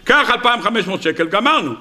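A man voicing a smooth-talking male street hustler who pushes a quick deal in a fast, wheedling pitch. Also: expressive, bright, forceful tone, full character voice.

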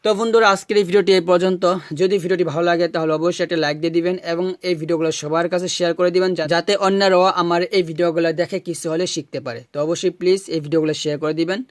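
A man teaching correct recitation, drawing out each word slowly and then explaining quickly in plain speech. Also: high-pitched, steady tone. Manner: slow drawn-out recitation with quick spoken explanations. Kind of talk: recitation lesson.

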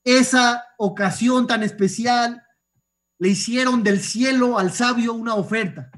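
A man's voice: very high voice, measured pace. A rabbi giving a sermon, telling stories and asking his listeners questions. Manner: lively storyteller asking the audience rhetorical questions. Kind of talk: sermon with storytelling.

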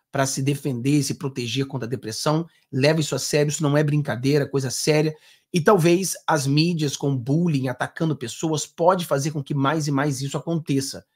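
A political commentator in his thirties, with a Brazilian Portuguese accent and a medium-pitched voice with a breathy edge, gives earnest, emphatic live-stream reaction commentary. He gestures with his hands while talking from a home studio, using a desk mic and over-ear headphones.

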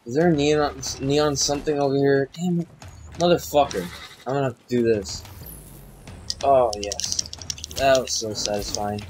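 A man's voice: mid-range voice, steady tone, moderate pace, pauses often, darkish tone, low-quality recording. A young man talks over his gameplay in a mid-range voice, rambling and swearing as he goes. He mocks himself in a loose, offhand way, and a faint hiss sits under the recording. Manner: crude, rambling, self-mocking. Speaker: gaming YouTuber. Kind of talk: casual let's play commentary.

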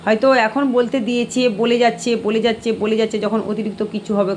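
Middle-aged woman, live-stream host, admonishing and sermonizing, slightly high pitch, faint noise behind. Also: flat delivery, fast, a little mellow. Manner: preachy, admonishing. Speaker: live-stream host answering viewer comments. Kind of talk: casual live-stream chat.

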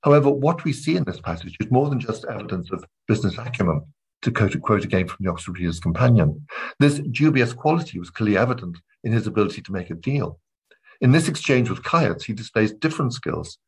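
A male academic lecturing on literature in a measured, deliberate way. His voice sits low and carries a slightly husky grain throughout. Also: animated, a little mellow, poor audio. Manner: measured, reads quoted passages aloud between comments. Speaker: literature professor giving a lecture.

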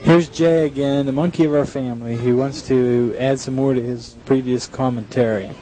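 A man's voice: medium pitch, steady tone, moderate pace, background noise. A middle-aged man, a father, introducing his children and asking them questions on an old home video tape.

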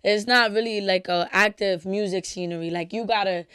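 A woman's voice: mid-range voice, fairly even intonation, normal speed, a bit bright, clear, resonant tone, no echo, studio quality. A young woman from the Bronx with a New York accent, chatting bluntly and swearing freely as a podcast guest. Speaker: guest musician. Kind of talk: casual podcast chat.

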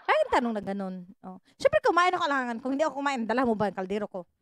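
A high-pitched woman chatting loosely on a livestream, teasing her viewers and breaking into laughter again and again. The recording carries steady background noise. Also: racing. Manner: giggly, teasing, laughs often. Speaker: livestream vlogger. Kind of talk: casual livestream chat.

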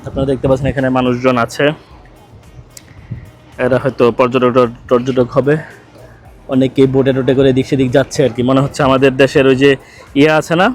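A chatty man talks into a handheld phone camera, hesitant and full of fillers as he shows the sights. His voice sits at an average pitch, and faint music plays behind him. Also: flat delivery, brisk, pauses often, a little mellow. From Bangladesh. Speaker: vlogger. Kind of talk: casual travel vlog narration. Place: outdoors, then in a car.

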